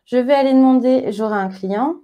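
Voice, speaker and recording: Through dull-sounding audio, a woman with a fairly high voice speaks at a moderate pace during a conference talk. She codes live and keeps things informal and talkative, punctuating each step with "hop" or "voilà".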